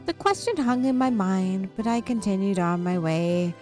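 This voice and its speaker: With game music in the background, a woman expressively voices a visual novel's narration during a stream. Her mid-range voice is a little mellow, lively in intonation, and at a normal speed. She sometimes corrects herself in the middle of a sentence.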